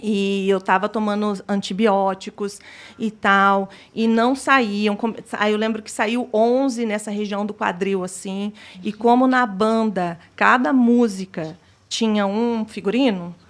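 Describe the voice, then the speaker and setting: A woman's voice: medium pitch, fairly even intonation, unhurried. A woman telling her personal testimony as an interview guest, acting out the dialogue she recalls. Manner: retells scenes by acting out quoted dialogue.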